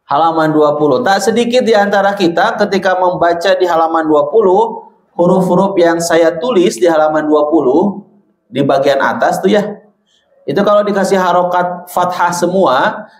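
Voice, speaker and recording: A man with a Sundanese accent teaching Quran reading to a class of women, slowly drawing out each syllable in his drills. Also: high voice, reverberant. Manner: slow and deliberate, drawing out syllables in demonstrations. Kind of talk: classroom lesson with recitation drills. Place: room with women students.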